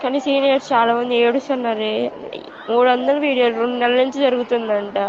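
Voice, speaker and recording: A young woman, a hostel student on a phone call, frightened and close to tears, pleading and rushing through anxious reports. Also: a little high, fairly even intonation, a crowd in the background. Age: young adult. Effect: heard over a phone call. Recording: muffled phone line with faint background noise.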